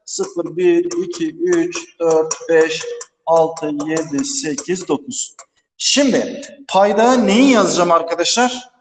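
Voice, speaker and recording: A man's voice: on the high side, slow pace, slight background noise. A man teaching a math lesson alone in a large empty classroom, explaining step by step and checking in with his students, his voice echoing heavily off the walls. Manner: patient step-by-step explaining, keeps asking "right, friends?". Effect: strong echo of a big empty room. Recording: echoey empty hall.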